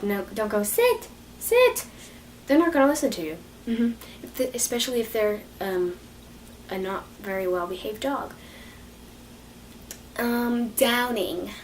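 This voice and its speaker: Young woman, dog training vlog, rambling and self-deprecating, slightly distant mic, faint background noise. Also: medium pitch. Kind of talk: casual unscripted vlog.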